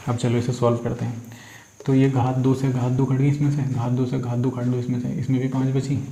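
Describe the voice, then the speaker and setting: A man's voice: mid-range voice, warm tone. A man teaching physics, working through numerical problems step by step. He asks questions and answers them himself, and addresses his students as "beta". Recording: echoey room, faint insect noise.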